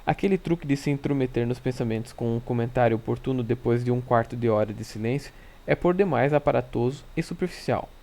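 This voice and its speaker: A man's voice: mid-range voice, quick pace, dark tone, close to an everyday voice. A man reading the lines of an arrogant male detective in a dry, scornful manner.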